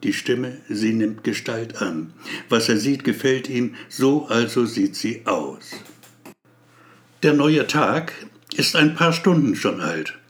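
A man narrating a story aloud in a measured way. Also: medium pitch, animated.

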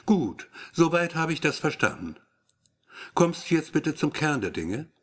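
Sex: man. Figure: a man reading a lazy, teasing male friend. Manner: grumbling, teasing, animated pitch. Style: audiobook. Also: unhurried, exaggerated voice.

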